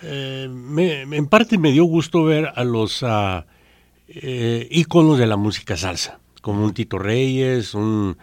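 A man's voice: mid-range voice, lively intonation, slow pace, no room sound, clean studio sound. A man co-hosting a podcast, chatting in an opinionated way with lots of fillers and repeated no's. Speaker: podcast co-host. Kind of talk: casual chat.

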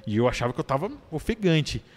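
A man with a Brazilian accent, a podcast guest, telling a personal story in an animated way and tagging his sentences with little checks to the listener. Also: on the high side, fast. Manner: animated storyteller, keeps adding "né?".

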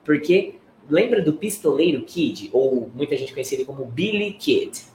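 Lively Brazilian man teaching English. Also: on the high side. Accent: Brazilian Portuguese. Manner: playful, joking, quizzing with drawn-out prompts. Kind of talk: casual live English lesson. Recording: echoey room with faint noise.

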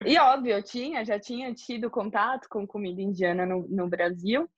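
A woman, an airline pilot telling lively anecdotes in a casual interview and laughing often. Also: medium pitch, moderate pace, husky, no echo. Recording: slightly muffled, dry sound.

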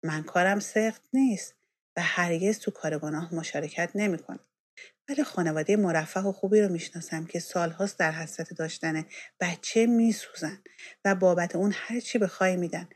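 Woman reading as a soft persuasive lady doctor, coaxing tone, storybook voice. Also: lowish voice, no echo, close to an everyday voice. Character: smooth-talking kindly woman doctor.

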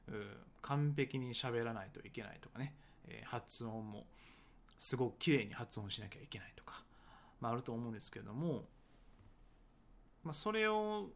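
A man who teaches English conversation talks casually about his book, hedging often and pausing with many fillers. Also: medium pitch. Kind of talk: casual solo talk promoting his book.

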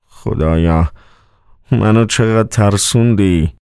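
A man's voice: lowish voice, very animated, vocal fry, warm tone, dry recording, studio quality. A man voicing a frightened middle-aged male theater accountant who talks in tense, urgent murmurs.

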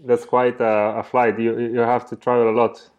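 A man's voice: mid-range voice, little pitch movement, moderate pace, phone-quality sound. A male podcast host who reads a scripted introduction and then asks his guest short questions. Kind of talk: interview hosting.

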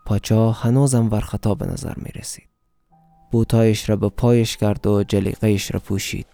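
A man with an Afghan Dari accent reading a story aloud for radio, with a steady, measured delivery. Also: fairly low pitch, vocal fry, no room sound, soft background music. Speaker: narrator.

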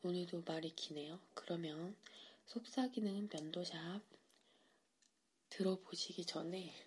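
A woman hosting an ASMR podcast, introducing it in a soft, hushed voice that often slips into a whisper. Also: lowish voice, vocal fry. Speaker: ASMR creator and host.

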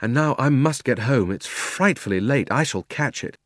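Male narrator as young storybook girl, sharp-tongued, prim, raised pitch, very animated, dry. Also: normal speed, dry recording. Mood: relieved, hurried. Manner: prim and pointed. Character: brisk, sarcastic, sharp-tongued young schoolgirl.

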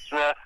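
A man's voice: very high voice, very noisy. A man calling in, heard through a phone on speaker, talking casually and hesitantly with many fillers. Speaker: caller.

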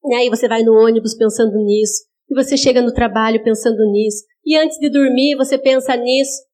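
A woman's voice: on the high side, steady tone, fairly quick, warm tone. A woman preacher giving a sermon, talking straight to her listeners with rhetorical questions and acting out their words in quoted asides. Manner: earnest, direct address with rhetorical questions.

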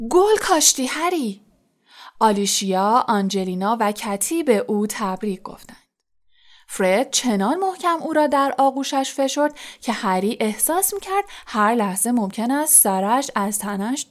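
Woman reading an audiobook, soft breathy voice, middle pitch. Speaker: audiobook narrator. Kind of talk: scripted audiobook narration.

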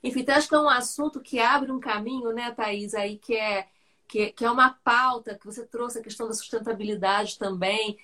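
Thoughtful Brazilian woman host, higher voice. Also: a little fast, bright, forceful tone. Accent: Brazilian Portuguese. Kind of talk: casual live-stream interview chat.

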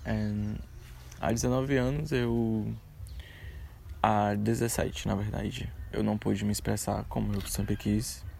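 Young man with a heavily gravelly voice. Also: on the low side, little pitch movement, takes it slowly, a little mellow, slight background noise. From Aracati, Brazil. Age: young adult. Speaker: guest.

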